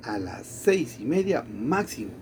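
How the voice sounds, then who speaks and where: At a measured pace, a Latin American man with a mid-range voice casually recounts a personal story, a slight hiss or hum in the audio. He's animated, performing the quoted dialogue.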